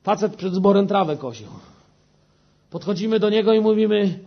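A man's voice: high-pitched, lively intonation, moderate pace. A man preaching, telling a personal testimony in an earnest way and often turning to his listeners. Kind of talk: personal testimony told to a congregation. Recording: dull lo-fi recording.

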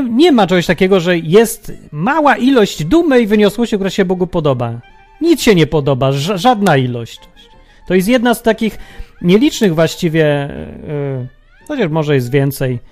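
Guy with a high voice thinking out loud about faith, lots of rhetorical questions, soft music behind. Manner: musing, many rhetorical questions. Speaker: podcast host. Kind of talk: reflective religious monologue.

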